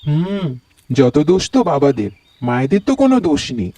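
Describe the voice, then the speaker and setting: A man voicing a gentle, patient cartoon father with a mild, coaxing manner. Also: fairly high pitch, huge pitch swings, fairly quick, no echo. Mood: grumbling. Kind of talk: cartoon voice acting.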